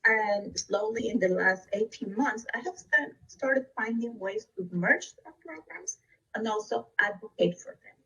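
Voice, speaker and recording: A woman presents a recorded webinar in an earnest, steady way. Her voice sits a little high and sounds husky and breathy. She is recorded from a bit back from the microphone. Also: a little slow, far from the mic, highs cut off. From Costa Rica. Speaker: district education leader.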